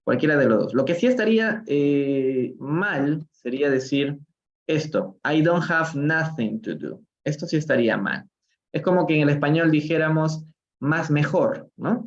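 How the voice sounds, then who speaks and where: This streamer, also speaking with a Peruvian Spanish accent, has a higher-leaning voice with vocal fry, and the audio comes across dull through what seems a phone or computer microphone. Leading an English reading lesson live, he stretches out each model phrase slowly, names viewers from the chat, and poses questions to them.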